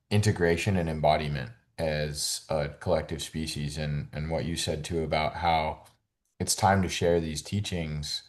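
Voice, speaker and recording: A man who works as a holistic fitness coach, chatting as a podcast guest in a loose, rambling way full of "like" and "you know", and livening up when he gets excited. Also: very deep voice. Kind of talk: casual conversational interview.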